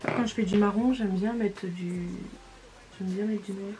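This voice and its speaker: A woman's voice: mid-range voice, fairly even intonation, measured pace, over music, poor audio. A woman, casually talking through each step of a makeup tutorial. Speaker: beauty vlogger.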